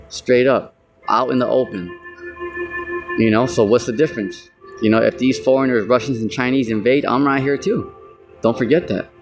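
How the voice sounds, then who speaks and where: An American man teaching from the Bible in a casual, rambling way, often saying "you know". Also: medium pitch. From United States. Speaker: street preacher.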